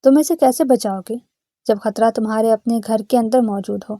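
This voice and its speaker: A woman's voice: on the high side, fairly even intonation, dark tone, dry recording, studio quality. A woman voicing a menacing, mysterious male caller who speaks in a taunting, threatening way.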